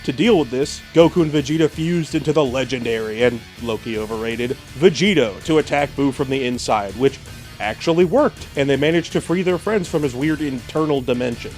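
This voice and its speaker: A man's voice: medium pitch, a little fast, a little mellow. Wry male storyteller over light music. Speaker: show co-host. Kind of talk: scripted versus-show narration. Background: faint background music.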